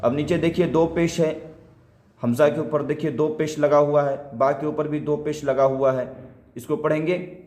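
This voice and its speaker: A man teaching Quran reading step by step, drawing out syllables slowly in drills between quicker explanations. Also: fairly high pitch, steady tone, a little mellow, roomy sound. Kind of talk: step-by-step recitation lesson.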